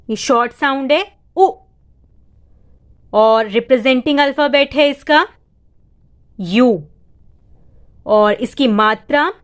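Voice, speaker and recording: A woman tutor, patiently explaining vowel sounds step by step and drawing out each sound. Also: a little high. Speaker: home tutor teaching reading. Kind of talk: step-by-step lesson.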